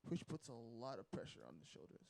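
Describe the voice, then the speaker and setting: A man co-hosting a podcast in casual chat, animated and laughing, cursing and trailing off mid-sentence. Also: medium pitch, fairly quick, vocal fry, no echo. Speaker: podcast co-host.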